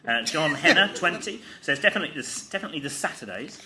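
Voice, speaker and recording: A man's voice: on the high side, expressive, fast talker, crowd noise. Dry man reading news aloud on stage. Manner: dry, wry, reading out with amused asides. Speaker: comedy podcast co-host. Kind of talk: live comedy podcast banter, reading news items. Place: live stage show before an audience.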